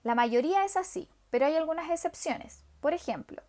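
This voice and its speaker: A woman's voice: sits high, lively intonation, fairly quick, darkish tone. Patient woman teaching English grammar. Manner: patient, repetitive, checks understanding with "¿ya?". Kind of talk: recorded online class explanation.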